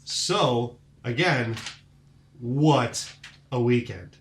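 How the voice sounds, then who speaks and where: A man of ordinary pitch hosts a casual podcast, recapping results with rambling enthusiasm. His voice bounces around a roomy, echoing space. Fillers and restarts run through his talk. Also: very slow. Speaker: podcast host.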